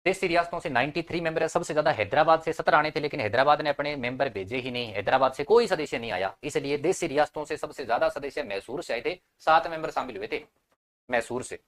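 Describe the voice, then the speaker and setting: A man's voice: on the high side, fast talker, a bit bright. A young man teaching a live online exam-prep class, repeating key points and quizzing his students. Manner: repetitive drilling, quizzing students.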